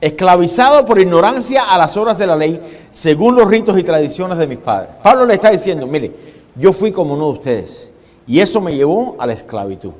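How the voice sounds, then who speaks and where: A man preaching a sermon as a pastor, dramatic, shifting his pace and loudness and putting questions to his congregation. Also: sits high, sing-song, a little fast. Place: church hall with congregation. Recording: long hall reverb.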